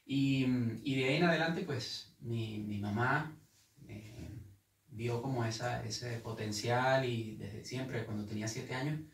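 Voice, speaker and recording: A man's voice: medium pitch, a little slow. A man from Venezuela with a Venezuelan accent, a guest guitarist telling his story earnestly with many repeated words. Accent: Venezuelan Spanish. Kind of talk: casual interview. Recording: echoey room, mic at a distance.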